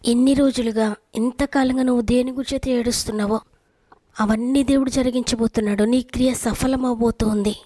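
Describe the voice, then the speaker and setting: A woman's voice: a little high, steady tone, brisk, dark tone, no room sound. Earnest woman preaching a devotional sermon. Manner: earnest, repetitive exhortation.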